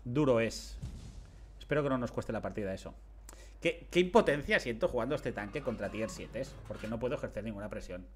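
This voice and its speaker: A game streamer comments casually on his game through a headset mic, chatty and self-mocking. His medium-pitched voice is animated and brisk.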